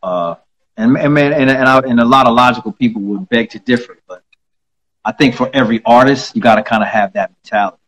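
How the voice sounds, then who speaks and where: Casting: male host of middle pitch, thoughtful, slow phrases with fillers, heard on a video call. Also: a bit bright, poor audio. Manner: reflective, drawn-out speech with many fillers. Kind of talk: casual interview chat.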